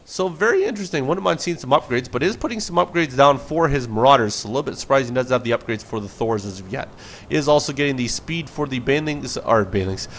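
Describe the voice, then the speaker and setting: A man's voice: mid-range voice, fairly bright tone. A man casting a video game replay with play-by-play commentary, casual and joking. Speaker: game caster.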